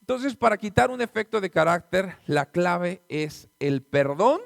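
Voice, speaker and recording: A man with a Mexican Spanish accent preaching in a church, his voice pitched a little high. He teaches step by step and keeps asking his listeners whether they are following. The sound is dry and close, with little room echo. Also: animated, measured pace, vocal fry. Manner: teaching, checks on listeners with rhetorical questions. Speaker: pastor. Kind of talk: sermon.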